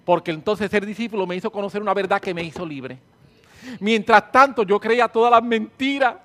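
A man preaching a sermon and leading prayer. He repeats phrases fervently, calls out listeners by name, and swings between hushed and loud delivery. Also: high voice, fairly quick.

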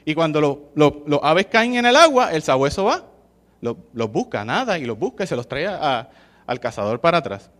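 A man's voice: fairly high pitch, sing-song, moderate pace, fairly bright tone. A man with a Puerto Rican accent giving an informal sermon, chatting with the listeners and often asking "¿verdad?" as he tells a story. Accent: Puerto Rican Spanish. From Puerto Rico.

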